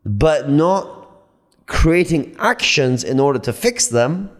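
A man in his late thirties arguing his point in a casual podcast chat, emphatic and animated, often repeating himself. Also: on the high side, slow pace. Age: 30s. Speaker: podcast guest.

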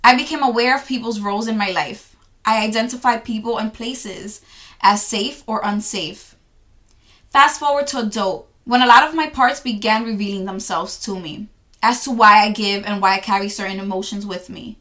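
A young woman from the Dominican Republic, speaking with a Dominican accent at medium pitch, reads her own journal entries aloud. She's a journaling vlogger, and her delivery is soft, reflective and earnest.

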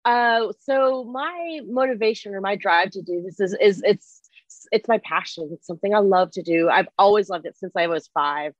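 Speaking at normal speed in a medium-pitched voice, a young woman from Canada, a native Mandarin Chinese speaker, is a casual interview guest in an Airbnb room. She uses many fillers and restarts, and the dry recording has its highs cut off.

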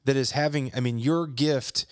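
A man's voice: mid-range voice, steady tone, moderate pace, smooth, dry recording, clean studio sound. A man co-hosting a casual faith podcast, speaking earnestly and encouragingly with frequent restarts. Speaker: podcast co-host.

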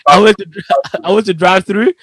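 A young man, chatting casually and telling animated, slangy anecdotes with a giggly streak. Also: sits high, a little fast, breathy edge, dry recording. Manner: slangy, says bro often, giggly storyteller.

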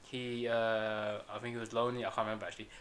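A man's voice: on the low side, level tone, fast, fairly bright tone. A man co-hosting a podcast in casual chat. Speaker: podcast co-host. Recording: clear background hiss.

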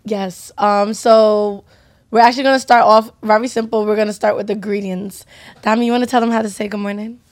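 A woman's voice: mid-range voice, steady tone, a little fast. A woman co-hosting a podcast, talking casually in a playful, teasing, brash way. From United States. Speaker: podcast co-host. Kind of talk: casual chat.

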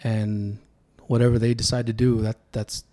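A male political candidate, raised in Sacramento, California, with Tongan as his first language, joins a casual podcast as a guest. He speaks at a moderate pace with a dark, level tone and medium pitch, reflecting and telling stories.

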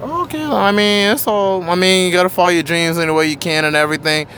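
A podcast host talks quickly and loosely, rambling between questions and dropping casual curses. His pitch sits in an ordinary middle range, with a faint hum of traffic behind him. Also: pushed and bright. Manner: chatty, rambling, swears casually. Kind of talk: casual interview chat.

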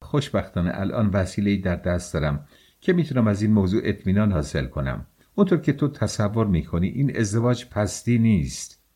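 A man's voice: fairly low pitch, very animated, dark tone, slightly rough. A man voicing a proud young woman who pleads her case indignantly in a storybook reading.

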